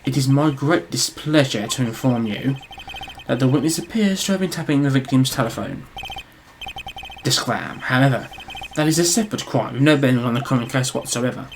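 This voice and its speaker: A man's voice: medium pitch, fairly quick, background noise, close to an everyday voice. A man voicing a formal, pompous older judge in a courtroom game.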